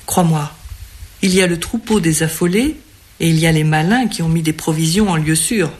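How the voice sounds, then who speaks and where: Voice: medium pitch, moderate pace, darkish tone, lightly acted. A reader voicing a suave, hungry middle-aged man who coaxes and commands in turn. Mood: coaxing. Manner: coaxing, imperious.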